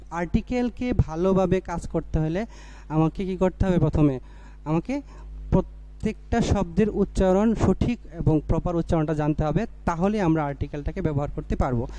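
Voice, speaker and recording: High-voiced male teacher explaining grammar. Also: mellow. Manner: explains step by step, repeats key phrases; asks questions then answers them himself. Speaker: English teacher. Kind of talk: classroom grammar lesson.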